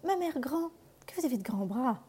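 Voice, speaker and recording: A woman voicing a young, innocent village girl in a storybook reading, with a high, sweet voice. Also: expressive, normal speed, dark tone, breathy edge.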